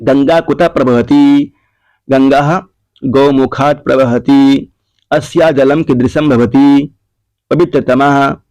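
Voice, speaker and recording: A man leads a classroom grammar lesson. He speaks at a very slow, steady pace, dictating answers and saying them again. The recording is dry and close, with no room sound. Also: medium pitch, dry recording. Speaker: teacher.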